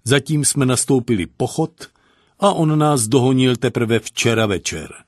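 A man's voice: mid-range voice, expressive, no echo, clean studio sound, voice pushed up, close to an everyday voice. A man voicing a dutiful male army officer, anxious and respectful, who reports to his general in a formal way. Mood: reporting.

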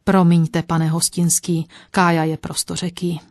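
Woman playing a stern thrifty mother, scolding, prim, low voice, dry audiobook sound. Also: level tone, darkish tone, dry recording, close to an everyday voice. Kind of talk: audiobook storytelling.

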